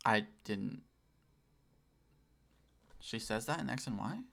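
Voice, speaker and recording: A game streamer in his late twenties chats casually while playing, putting on a deliberately lifted customer service voice. His fairly low voice has lively intonation, some vocal fry, and a slightly bright quality. He swears and pokes fun at himself.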